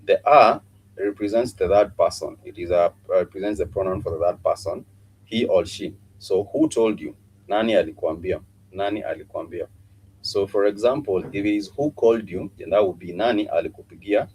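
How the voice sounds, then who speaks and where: A man's voice: sits low, normal speed, a little mellow, slight background noise, poor audio. A man teaching a live online language lesson, patiently repeating phrases and spelling words out letter by letter. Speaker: Swahili teacher.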